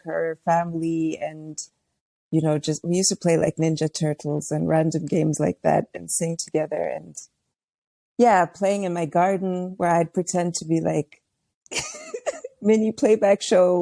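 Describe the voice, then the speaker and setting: A young woman from Tanzania, chatting in a relaxed way as a podcast guest, talking about her music with many fillers. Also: fairly low pitch, a little slow, vocal fry, no echo. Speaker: guest, R&B singer and songwriting coach. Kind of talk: casual chat.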